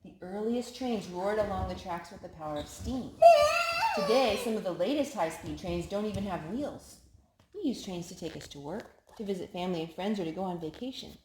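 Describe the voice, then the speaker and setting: Heavy background noise surrounds a woman reading picture books briskly to young children in a medium-pitched voice. She's expressive, emphasizing key words and coaxing the kids with questions.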